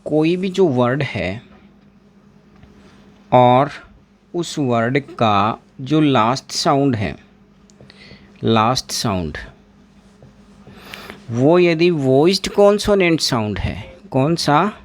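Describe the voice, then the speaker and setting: Slow, repetitive male teacher. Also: mid-range voice, lively intonation. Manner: slow, drills words by repeating them; asks questions and then answers them. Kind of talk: exam-prep lesson.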